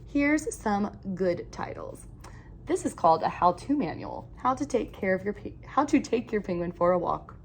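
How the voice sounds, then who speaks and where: A female storyteller reads aloud to children at a moderate pace in a mid-range voice, her delivery very expressive and swooping, with emphatic phrasing. Background noise is noticeable.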